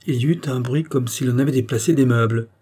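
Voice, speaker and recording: A male audiobook narrator with a dark, husky voice. He reads the novel in a measured storytelling manner, steady and unhurried. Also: mid-range voice. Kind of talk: scripted narration.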